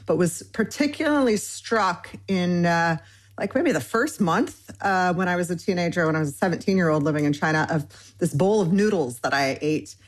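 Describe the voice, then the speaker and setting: Her pitch sits fairly low and her pace is moderate. She's a woman in her forties from Michigan, United States, a cookbook author being interviewed conversationally, eagerly rattling off long rambling lists with lots of fillers.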